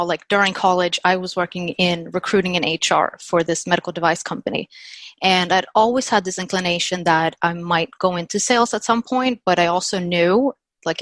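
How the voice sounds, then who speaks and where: A woman in her thirties, from Sweden, telling her story as a podcast guest in a chatty, animated way. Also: lowish voice, dry recording. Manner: chatty, animated retelling with quoted dialogue and frequent "like". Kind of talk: casual storytelling interview.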